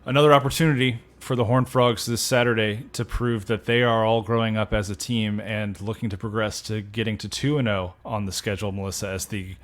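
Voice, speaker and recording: A man with a fairly low voice co-hosts a sports podcast. He talks in casual chat, measured and easygoing, with dry humor. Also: steady tone. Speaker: podcast co-host.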